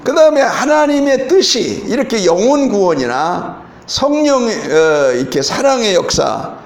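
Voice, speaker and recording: A middle-aged man preaches with a fairly high voice in a hall that rings with echo. He tells his story with mounting emphasis and keeps turning to the congregation with rhetorical questions. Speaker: pastor. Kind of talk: sermon.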